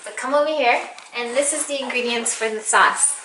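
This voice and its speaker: A woman's voice: a little high, fairly quick, noisy background. A woman giving a casual cooking demonstration in a home kitchen, chatting through each step with practical tips. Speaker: guest cooking teacher. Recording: roomy kitchen audio from a distant mic.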